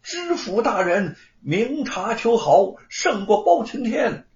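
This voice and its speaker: A man's voice: high voice, wildly swooping pitch, normal speed, fairly bright tone, recorded from a distance, pitched above the performer's own voice, full character voice. A man voicing an eager, loyal young scholar friend in an audiobook story, cheering on. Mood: excited. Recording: roomy, slightly dull recording.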